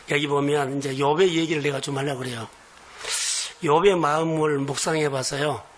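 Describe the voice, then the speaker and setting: A man preaching a sermon as pastor of a church, in earnest, slow, emphatic phrases. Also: a little high, fairly bright tone. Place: church sanctuary.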